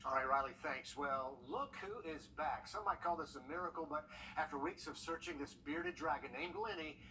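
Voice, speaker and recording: A man's voice: a little high, normal speed, pushed and bright. A man news anchor introducing a cheerful local story in a conversational way. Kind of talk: studio news reading. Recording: distant mic, faint noise.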